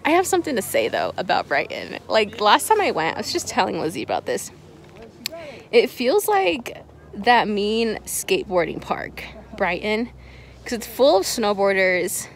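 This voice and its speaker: A woman's voice: medium pitch, sing-song, normal speed. A woman in her twenties talking casually into a phone held at arm's length on a ski slope, chatty and self-mocking. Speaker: vlogger. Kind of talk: casual vlog chat. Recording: noisy outdoor phone audio.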